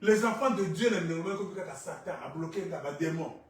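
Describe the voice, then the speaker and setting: High, bright preacher in echoey hall. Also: male voice, normal speed. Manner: preaching with shouted peaks and quiet drops, mixing in Lingala phrases. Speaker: pastor. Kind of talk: sermon. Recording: echoey church from far off.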